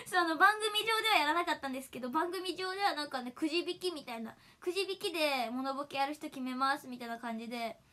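Giggly high bright-voiced young woman. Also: animated, brisk. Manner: giggly, chatty, laughs often. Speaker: idol livestream host. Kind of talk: casual livestream chat, reading viewer comments.

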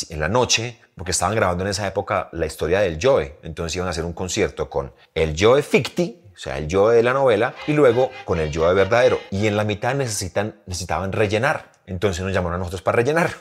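A middle-aged man casually telling a personal story to the camera, animated and acting out the people in it. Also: sits low. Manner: animated storyteller who acts out voices.

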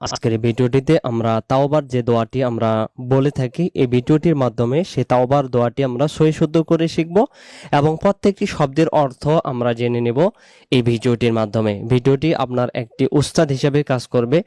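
A man from Bengal giving a prayer pronunciation lesson, slowly drawing out and repeating each word as he teaches. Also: mid-range voice, steady tone, dark tone, smooth, dry recording. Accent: Bangladeshi Bengali. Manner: slow, drawn-out recitation of words. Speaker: religious teacher.

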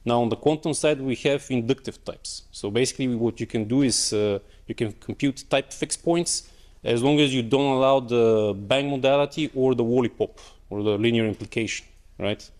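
A man's voice: medium pitch, normal speed, a little mellow. A young man presenting at an academic conference and answering questions, talking in a hesitant way with many fillers and restarts, in a lecture hall. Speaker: conference speaker. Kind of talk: technical talk and Q&A. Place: lecture auditorium.

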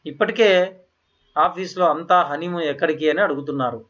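A man's voice: on the high side, a little fast, fairly bright tone, close to an everyday voice. A man voicing a young newly married son who explains his plans matter-of-factly in an audio story. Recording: slightly dull, lo-fi audio.

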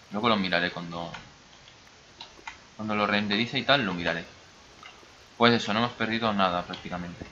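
A man's voice: lowish voice, bright, forceful tone, dull audio, a little hiss or hum. A man from the Basque Country with a mixed Basque and Brazilian accent, chatting casually as he comments on his gameplay. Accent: mix of Basque and Brazilian Spanish. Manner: rambling, chatty, talks to himself. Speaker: gaming YouTuber.

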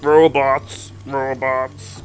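A man doing a quick robot impression, choppy and stuttering, while commentating a game. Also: mid-range voice, flat delivery, faint music behind, poor audio. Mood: mechanical. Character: stiff, halting robot. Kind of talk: let's play commentary.

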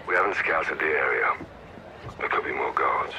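A man's voice: moderate pace, heavy background noise. An actor playing a grave, hard-edged male covert operative in a military game, speaking in terse tactical lines. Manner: low, terse tactical delivery. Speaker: special operations soldier. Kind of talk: military action game dialogue.

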